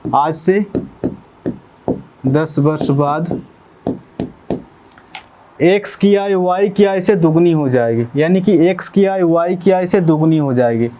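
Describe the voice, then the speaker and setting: A male maths teacher with a fairly high-pitched voice. His tone is soft and dark rather than bright. He works through exam problems step by step, repeating phrases and checking in with students again and again. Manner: explains step by step, repeats phrases, asks "ठीक है?" often. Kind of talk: exam-prep maths lesson.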